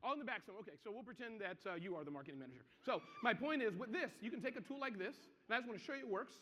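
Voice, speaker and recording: A man giving an interactive business seminar to a live audience, energetic and constantly checking that people follow him. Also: high-pitched, rapid-fire, a little hiss or hum. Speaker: seminar presenter. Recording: muffled, echoey hall.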